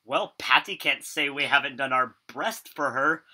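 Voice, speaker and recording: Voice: medium pitch, normal speed, sharp tone. A young speaker reading lines in an amateur play read-through, teasing and mocking the other readers.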